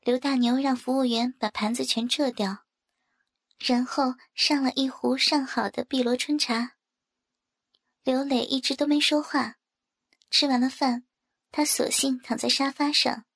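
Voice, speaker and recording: A woman narrating a first-person story in a soft, even reading manner. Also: high-pitched, a little slow. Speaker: audiobook narrator.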